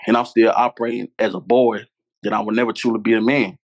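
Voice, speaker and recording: Fast, with little pitch movement, his voice sits on the low side. He is a man in his 20s from Louisiana, US, guesting on a podcast, where he candidly and earnestly tells conversational stories and repeats points for emphasis.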